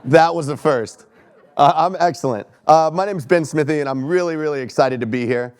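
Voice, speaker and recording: His voice sits on the high side, brisk, clear, and resonant: a man from Texas in his thirties, a bit stuffy with allergies, delivering a keynote conference talk on a lecture hall stage. He's chatty and self-deprecating, joking and quizzing the crowd.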